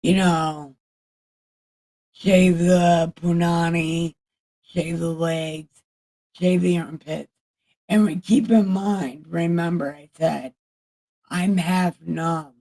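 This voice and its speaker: A woman's voice: on the low side, steady tone, takes it slowly, pauses often, dark tone. A woman livestreamer in casual chat, talking candidly and with plenty of swearing to her viewers. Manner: candid, profane, chatting with viewers.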